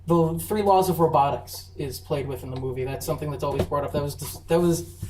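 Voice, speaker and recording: A convention panel presenter giving a casual, chatty talk on film, full of fillers and quick laughs. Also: medium pitch, darkish tone, faint music behind. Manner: enthusiastic, chatty, laughs often, many fillers. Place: university convention room. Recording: echoey room, far mic, faint hum.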